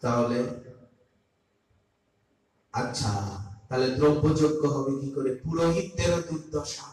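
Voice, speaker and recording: An older man giving a Vaishnava sermon on scripture, slow and emphatic, dropping from loud to soft, sometimes chanting Sanskrit verses. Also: on the high side. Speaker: Vaishnava preacher. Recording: echoey hall, voice from a distance, faint hum.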